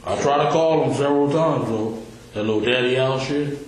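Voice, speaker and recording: A man in a recorded police interrogation, telling his story with profane street slang and lively retelling. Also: medium pitch, moderate pace, slight background noise. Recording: echoey room on a distant recorder.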